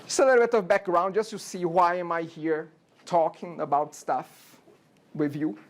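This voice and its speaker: His voice is high and steady, moving at normal speed, as this Brazilian man in his forties lectures on programming in a university classroom. The talk is casual, with a Brazilian accent and frequent "okay?" check-ins and rhetorical questions.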